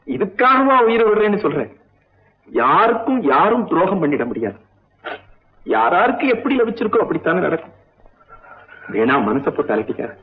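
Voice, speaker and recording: Gentle, fatherly elder of the house. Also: sits high. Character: kindly, calm elder of the house. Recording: dull lo-fi old film soundtrack.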